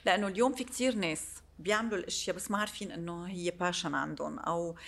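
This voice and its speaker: Lebanese arabic lady doing an interview, slightly low voice, chatty, mixes in foreign words. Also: rapid-fire, vocal fry, fairly bright tone. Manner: peppers Arabic with foreign loanwords. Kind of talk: conversational interview.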